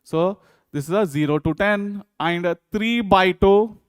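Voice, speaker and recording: A man's voice: high voice, a little slow, smooth, dry recording, studio quality. A man with an Indian accent teaching physics, working through exam problems step by step and often checking in with students. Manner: repetitive check-in questions to students. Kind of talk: exam problem walkthrough, lecturing.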